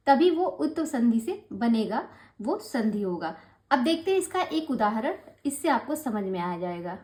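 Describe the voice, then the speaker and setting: A woman teaching an online grammar class, patient and encouraging, slowing down to spell out each rule. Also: sits high. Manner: encouraging, patient explaining, slows to spell out rules.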